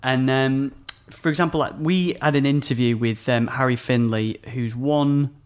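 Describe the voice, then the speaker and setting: A man's voice: mid-range voice, fairly even intonation, normal speed, clear, resonant tone. A youngish man chatting casually as a podcast co-host, in loose, hesitant phrasing. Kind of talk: casual chat. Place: small office studio, indoors. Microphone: desk microphone.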